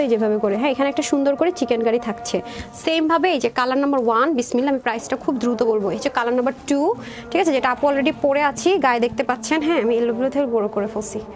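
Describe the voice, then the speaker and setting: Lady doing a live dress sale, high voice, talks super fast and chatty. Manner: rapid chatty sales pitch, addresses viewers as sisters. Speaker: online clothing seller. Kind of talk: live sales presentation.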